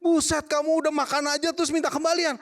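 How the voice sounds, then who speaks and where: A man's voice: very high-pitched, level tone, fast, fairly bright tone, pitched above the performer's own voice. A man voicing a middle-aged male soup-stall vendor who blurts out his disbelief. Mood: incredulous.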